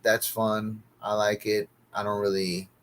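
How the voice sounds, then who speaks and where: A man's voice: fairly low pitch, level tone, unhurried, slight background noise. A man streaming alone as a comedian, griping in a profane, repetitive, exasperated way. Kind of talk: casual livestream rant.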